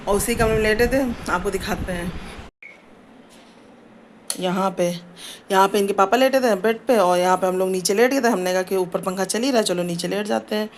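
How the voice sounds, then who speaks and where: A middle-aged woman rambles casually in a family home vlog, using many fillers, recorded indoors on a phone. Her voice is mid-range, with background noise audible.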